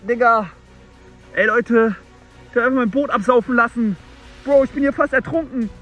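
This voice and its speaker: A young man vlogging from a boat on cold water, loud and exclaiming to his viewers, freezing and shivering. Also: very high voice, moderate pace, soft background music. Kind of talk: excited outdoor challenge vlog.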